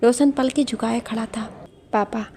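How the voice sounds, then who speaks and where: A woman storyteller narrating a family drama in a steady, even reading. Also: on the high side, normal speed, a little hiss or hum.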